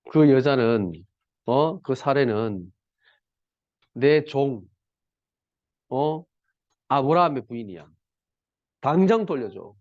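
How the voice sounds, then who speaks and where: A man's voice: medium pitch, a little mellow, no room sound, muffled recording. A man preaching a sermon, voicing God as a stern, commanding figure who bluntly threatens a king.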